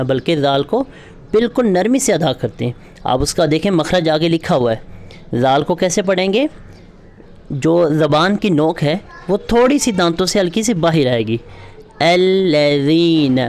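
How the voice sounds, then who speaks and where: A Quran recitation teacher giving a tajweed lesson, explaining step by step, often checking in with "okay", and drawing out slow demonstrations. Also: medium pitch, darkish tone. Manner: slow, drawn-out demonstrations of the word being taught.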